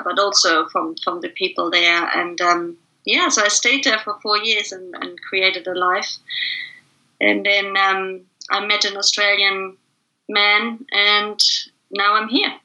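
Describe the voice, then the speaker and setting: Bright-voiced German woman, thoughtful guest. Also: medium pitch, fairly even intonation, measured pace, dull audio. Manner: thoughtful, many fillers and restarts. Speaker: guest, facilitation trainer. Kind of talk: casual interview conversation.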